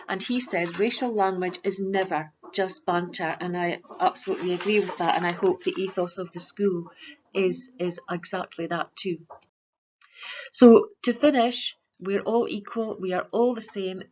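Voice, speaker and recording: A woman teacher presenting a virtual school assembly in an earnest, measured way, with frequent ums. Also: on the low side, a little mellow, muffled recording.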